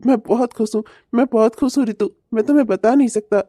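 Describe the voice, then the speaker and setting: A woman's voice: fairly high pitch, quick pace, mellow, no room sound, studio quality, close to an everyday voice. A woman voicing an eager, loving young man in a cartoon, talking earnestly and pleading. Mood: overjoyed. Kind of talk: cartoon voice acting.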